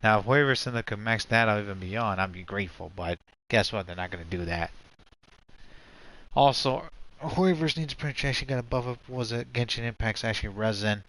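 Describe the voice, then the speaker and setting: A man's voice: fairly low pitch, brisk, a bit bright, poor audio. A man giving casual, rambling, slangy live commentary as a game streamer. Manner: rambling, slangy, repeats "pretty much".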